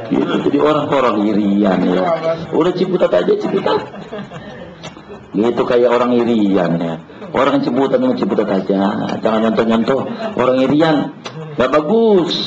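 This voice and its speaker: A man giving a casual sermon to a study group, teasing the listeners with repeated questions. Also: mid-range voice. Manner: questions the audience over and over, teasing and chatty. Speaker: preacher. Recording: roomy, muffled hall recording.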